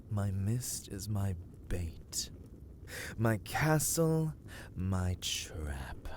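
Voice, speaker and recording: A voice actor plays an ancient vampire lord in a dark fantasy ASMR roleplay, his fairly low voice carrying a slight hiss or hum. He sounds imperious and coldly courteous, using theatrical, archaic phrasing that often drops into whispers.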